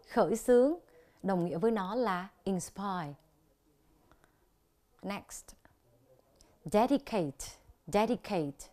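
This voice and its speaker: With a mellow, mid-range voice, a Vietnamese woman teaches English on television, slowly running pronunciation drills on English words in her Vietnamese accent.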